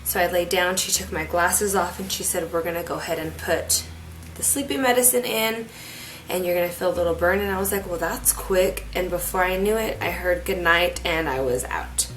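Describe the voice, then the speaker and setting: A woman's voice: on the low side, moderate pace, a bit bright, a little hiss or hum, low-quality recording. A woman talking casually in a personal vlog, in a rambling, informal, folksy way. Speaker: vlogger.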